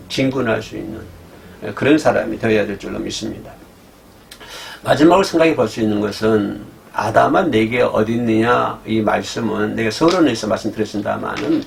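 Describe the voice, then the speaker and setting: Gravelly, animated preaching man. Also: on the low side, slight background noise. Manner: animated preaching, asks the congregation "그죠?" often; acts out God's scolding voice in quotes. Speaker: pastor. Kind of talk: sermon.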